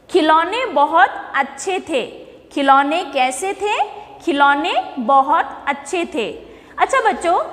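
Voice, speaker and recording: A woman's voice: very high-pitched, a bit bright, big-room sound. A woman teaching a primary school Hindi lesson who asks the class questions, repeats the answers and stretches out words to model pronunciation. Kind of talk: slow, deliberate classroom lesson.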